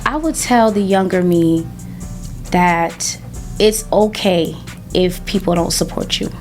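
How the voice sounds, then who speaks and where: A woman's voice: fairly low pitch, slow, a little mellow, faint music behind. A young adult woman speaking as an interview guest in casual, slangy, emphatic and motivational talk. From Haitian background. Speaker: interview guest, singer and solo artist.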